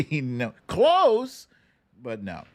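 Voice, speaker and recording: Hosting a live online quiz stream, a man jokes around and chats with his viewers, addressing them playfully. His mid-range voice swoops wildly in pitch at a very slow pace, and the recording is dry.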